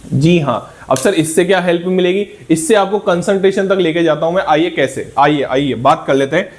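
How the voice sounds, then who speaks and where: A male chemistry teacher with a fairly high voice works quickly through an exam problem one step at a time. He encourages his students and keeps posing questions that he then answers himself.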